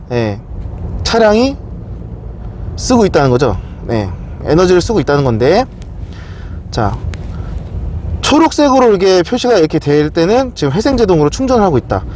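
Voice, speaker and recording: A man's voice: fairly high pitch, warm tone, slight background noise. A man presenting a casual explanatory walkthrough, often asking questions and answering them himself. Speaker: car video presenter.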